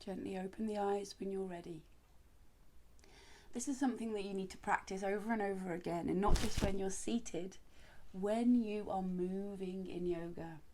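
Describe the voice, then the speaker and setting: A woman instructing as a yoga teacher, guiding breathing in short, measured, spaced phrases. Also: mid-range voice, darkish tone, slight background noise.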